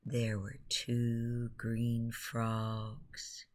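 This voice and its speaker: In a hushed, soothing manner, a woman narrates a guided bedtime story, her breathy voice close to a whisper and broken by long pauses. Her tone is rumbling, low and monotone.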